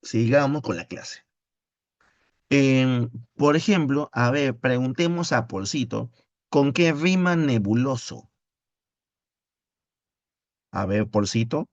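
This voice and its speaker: A man teaches literature at a slow, unhurried pace. He reads a poem, then quizzes his online class in a playful, teasing way. The sound is dry and a bit dull, like a lo-fi home setup. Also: medium pitch, no echo. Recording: dull lo-fi audio.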